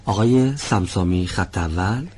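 A man teaching Quran recitation in a classroom lesson, patiently demonstrating sounds and reciting words in a slow, drawn-out chant. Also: sits low, darkish tone, breathy edge.

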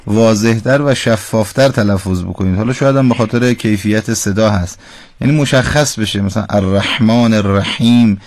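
A man's voice: on the low side, a little mellow, dry recording. Patient man teaching radio recitation. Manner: patient, corrects pronunciation precisely. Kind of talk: call-in radio lesson.

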